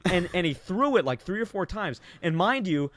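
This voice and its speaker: A man's voice: sits high, sing-song, moderate pace, a bit bright, no room sound. A young man telling a long story on a podcast, rambling with lots of fillers and restarts.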